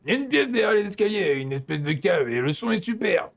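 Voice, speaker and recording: A brash, cocky teenage boy teases and goads with a swaggering, up-and-down delivery, as a man reads him aloud from a dating game. The voice sits a little high and moves a lot. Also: big pitch swings, fast talker, gravelly, heavily acted. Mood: teasing. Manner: cocky, teasing.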